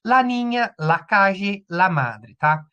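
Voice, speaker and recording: A man's voice: sits high, lively intonation, slow, sharp tone, smooth. A man with a Brazilian Portuguese accent teaching Spanish grammar in an online lesson, explaining step by step and often checking in with the students.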